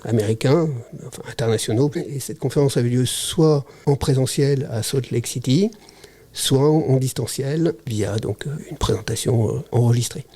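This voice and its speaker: Mellow, hesitant man. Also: mid-range voice. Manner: hesitant, halting, many fillers. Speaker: podcast guest, teacher-researcher. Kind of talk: casual conversational interview.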